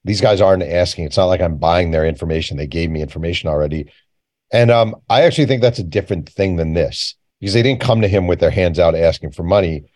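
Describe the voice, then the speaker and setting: Low-pitched and a little mellow, the man talks at a quick pace while guesting on an interview. A journalist and author, he tells casual stories and often quotes bits of remembered talk, delivering the dialogue in a plain, informal manner.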